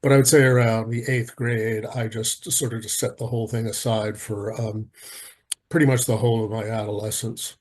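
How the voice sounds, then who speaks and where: Interview guest, man in his 60s, husky, halting delivery. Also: on the low side, little pitch movement, a little mellow. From United States. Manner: hesitant, many ums and restarts. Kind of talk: casual interview answers.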